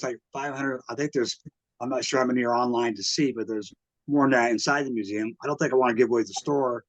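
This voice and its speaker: A museum founder and curator talks casually as an interview guest, explaining things in a rambling, conversational way. His voice is mid-range, with no echo and the highs cut off.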